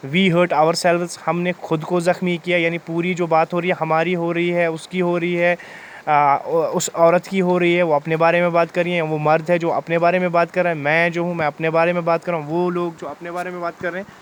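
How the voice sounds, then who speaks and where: A man teaching English grammar in Hindi, reading example sentences out slowly word by word and calling his students "beta". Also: fairly high pitch, flat delivery, slight background noise.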